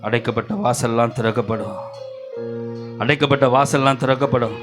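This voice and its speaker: A man preaching a Pentecostal church sermon, swinging between hushed pleading and loud exhortation and repeating phrases with cries of hallelujah. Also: medium pitch, fairly even intonation, normal speed, over loud music. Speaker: pastor. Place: church service.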